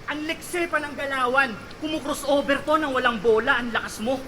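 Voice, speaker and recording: A man delivering a battle rap verse in a high, bright voice. He taunts his opponent and hammers each punchline with a shout. Faint noise sits beneath the voice. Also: steady tone, moderate pace. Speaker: battle rapper.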